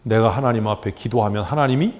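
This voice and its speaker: A man preaching a sermon as pastor in a church, animated and joking, acting out the voices he quotes. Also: on the low side, quick pace. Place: church sanctuary. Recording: church hall with long reverb.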